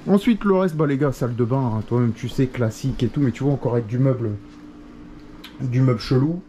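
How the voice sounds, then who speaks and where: A man rambles to his camera in a loose, slangy way, talking to his viewers like close friends and now and then calling himself by a nickname in the third person. His voice sits at an ordinary middle pitch for a man. The room has a faint hum of background noise. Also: fairly quick, dark tone. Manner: slangy, chatty, addresses viewers as "les gars" and "les loulous". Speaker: travel vlogger. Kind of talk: casual vlog chat to camera. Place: hotel room.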